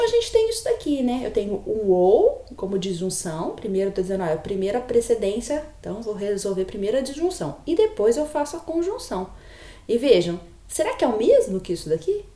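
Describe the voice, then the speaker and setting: A woman's voice: mid-range voice, warm tone, echoey room. A woman giving a logic lecture, patiently explaining and often checking in with her students. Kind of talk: recorded online lecture.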